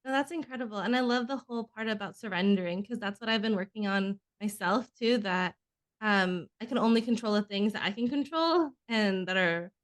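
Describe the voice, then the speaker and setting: A woman's voice: medium pitch, a little fast. A woman hosting a podcast, asking questions in a casual way with "like" and "um" fillers. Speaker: podcast host. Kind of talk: casual interview chat.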